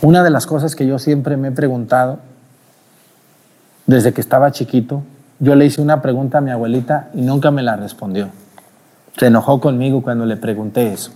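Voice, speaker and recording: Animated priest preaching at mass. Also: male voice, mid-range voice, fairly quick. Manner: animated, asks the congregation rhetorical questions. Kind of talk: sermon at mass.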